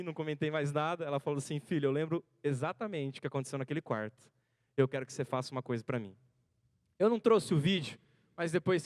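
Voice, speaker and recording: A man in his thirties from Brazil, a seminarian preaching a sermon built around a personal story, his delivery swinging between hushed and loud, rising passages. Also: fairly high pitch, no room sound, studio quality. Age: 30s. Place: church hall.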